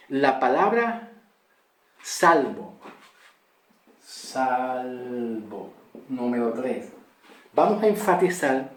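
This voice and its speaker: A tired man teaching a Bible study, slowly repeating key words and checking in with "ok?" as he goes. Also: mid-range voice, echoey room, recorded from a distance.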